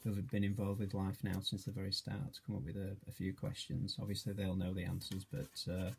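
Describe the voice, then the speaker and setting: A man in his late forties from Yorkshire speaks in a low, gravelly and somewhat husky voice. He talks in a flat, even way, hesitant and modest, with plenty of ums as he introduces himself for a charity video. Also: a little fast. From Yorkshire, England. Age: 40s. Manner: hesitant, many fillers, modest. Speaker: charity trustee and treasurer.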